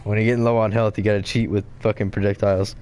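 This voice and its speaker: A man's voice: fairly low pitch, flat delivery, fast, darkish tone. A man giving casual, offhand commentary as he plays a fighting game. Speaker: gamer playing through a fighting game. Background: faint game music.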